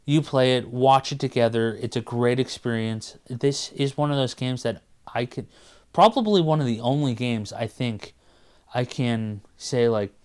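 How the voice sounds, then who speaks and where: A man's voice: medium pitch, darkish tone, clear, resonant tone. Enthusiastic rambling man in his forties. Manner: enthusiastic, rambling, loses his train of thought. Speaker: podcast co-host. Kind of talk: casual chat.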